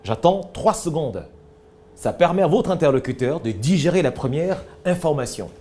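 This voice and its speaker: Man, high voice, voice coach, animated workshop teaching. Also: normal speed. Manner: animated, coaching, correcting students. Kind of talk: voice training workshop.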